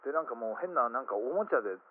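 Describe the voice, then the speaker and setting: Fast, lively man on a tinny radio line. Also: mid-range voice. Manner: animated storyteller acting out quoted voices. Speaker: radio host telling stories. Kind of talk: casual radio chat. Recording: narrow phone-like radio sound.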